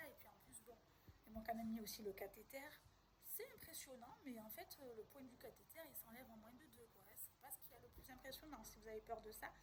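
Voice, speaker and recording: A woman tells a personal story in a relaxed, chatty way, acting out the people she quotes. Her voice sits a little high. Steady background noise runs under her talk. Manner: chatty and animated, quoting others with laughs. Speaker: vlogger. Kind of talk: casual storytelling to camera. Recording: noisy background.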